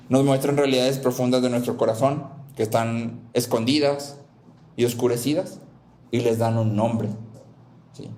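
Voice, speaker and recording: A man's voice: medium pitch, a little mellow, reverberant. A man preaching a sermon who repeats his key phrases and keeps asking the listeners "¿sí?" to check they follow.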